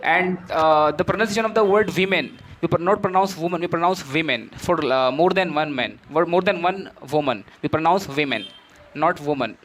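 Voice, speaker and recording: Low-voiced patient woman tutor. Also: moderate pace, hardly any pauses. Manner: patient, many short backchannels, addresses partner as "sister". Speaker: English tutor. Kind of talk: conversation practice and feedback.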